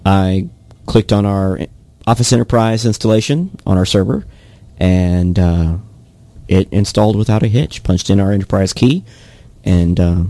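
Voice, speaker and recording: A man's voice: low-pitched, unhurried, dark tone, no echo. A young man co-hosting a casual tech news chat, talking in a dry, hesitant way with many "uh"s. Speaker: podcast co-host.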